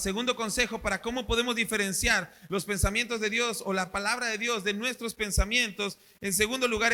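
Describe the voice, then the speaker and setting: A male pastor, preaching a sermon at a church service and asking the congregation questions. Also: high voice. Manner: animated, asks the congregation questions.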